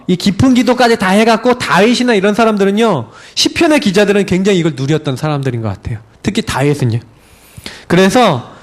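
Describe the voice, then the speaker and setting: A middle-aged man, a pastor, preaching a sermon with animated storytelling, often laughing as he tells it. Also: high voice.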